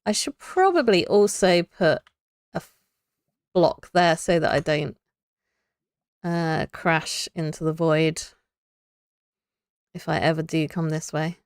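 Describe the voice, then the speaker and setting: A woman's voice: deep voice, slow, pauses often, dry recording, studio quality. A young woman streaming a building game, chatting to viewers and thinking aloud as she builds, laughing often. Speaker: Minecraft streamer. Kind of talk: casual live gameplay chat.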